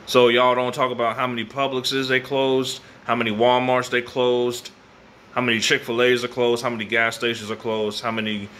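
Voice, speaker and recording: A man's voice: mid-range voice, little pitch movement, moderate pace, a bit bright. An American man in his thirties rambling casually to camera in slang, repeating phrases for emphasis, on a phone held at arm's length in an open garage. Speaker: vlogger. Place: open garage at night, windy weather. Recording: noisy phone recording with outdoor ambience.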